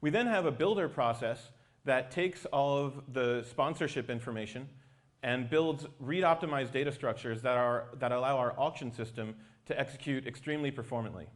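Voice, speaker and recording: A man's voice: mid-range voice, normal speed. A man giving an explanatory technical talk as a company presenter.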